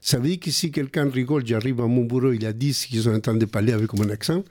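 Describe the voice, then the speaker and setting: A man's voice: mid-range voice, fast, a little mellow. An older man with a heavy non-native French accent, talking earnestly in a casual conversation and often repeating words while he looks for the phrasing.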